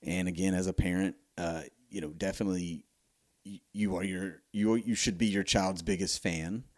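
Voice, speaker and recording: A man's voice: deep voice, fairly even intonation, normal speed. A middle-aged man from the United States hosting a solo podcast, talking casually and rambling with many fillers and restarts. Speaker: podcast host.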